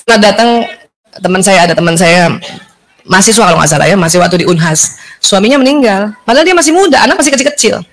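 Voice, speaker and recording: A woman giving a lively religious talk to an audience of women, acting out quoted dialogue and laughing often. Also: medium pitch, fast, rough recording. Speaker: religious lecturer.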